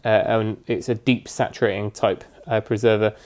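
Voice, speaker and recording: A man casually narrating a woodworking restoration project in a kitchen, talking through his steps in a relaxed, practical way with frequent pauses and fillers. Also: lowish voice.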